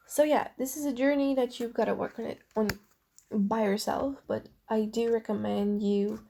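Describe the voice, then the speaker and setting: A woman's voice: a little high, vocal fry, mellow. A young woman giving a casual tarot reading to her viewers, chatty and earnest, who says she is losing her voice. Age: young adult. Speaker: tarot reader.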